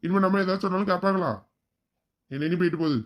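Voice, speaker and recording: Quick resigned father voice. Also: mid-range voice, fairly even intonation. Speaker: father in a family sketch. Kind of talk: family comedy sketch acting.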